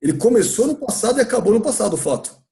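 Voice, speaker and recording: A man's voice: high-pitched, sing-song, racing, gravelly, mellow. A man with a Brazilian Portuguese accent teaching an English grammar class in a church classroom, patiently questioning students and repeating points.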